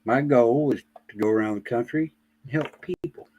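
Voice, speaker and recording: A man's voice: medium pitch, normal speed, darkish tone, breathy edge, muffled recording. A man hosting a livestream, chatting casually in a blunt, colloquial way. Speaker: livestream host. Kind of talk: casual chat.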